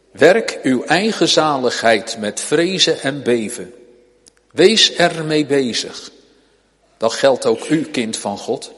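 Man preaching slow and earnest, pleading, big church echo. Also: mid-range voice. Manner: earnest, urgent pleading with rising emphasis. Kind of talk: sermon. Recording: long reverb of a church hall.

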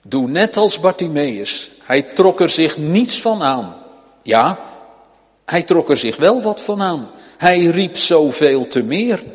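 A man's voice: fairly high pitch, very animated, slow pace. A man preaching a sermon to his congregation, pleading earnestly and urgently, with rising emphasis. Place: church. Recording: long reverb of a church hall.

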